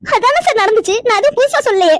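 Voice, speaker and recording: A woman plays a young cartoon heroine who is heartbroken and furious, firing accusing questions at her lover. The voice is very high and rattles along at a racing clip. It is dry, close and free of room sound. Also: animated, quick pace, no room sound. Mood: upset. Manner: accusing, tearful, insistent questions. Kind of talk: cartoon voice acting.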